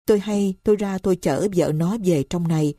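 A woman's voice: lowish voice, brisk, warm tone, dry recording, studio quality, natural voice. A woman voicing a bitter aunt who scolds and accuses with scorn.

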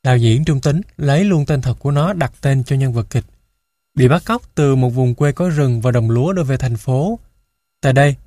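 Brief: male audiobook narrator, mid pitch, measured first-person reading, dry close-mic sound. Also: mellow, no room sound.

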